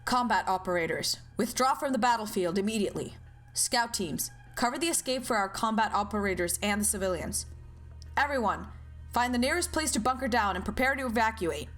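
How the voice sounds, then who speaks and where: Casting: woman playing commanding game squad officer, clipped urgent delivery, expressive, music behind. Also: medium pitch, brisk, close to an everyday voice. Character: urgent battlefield squad officer giving orders. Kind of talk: game story voice acting.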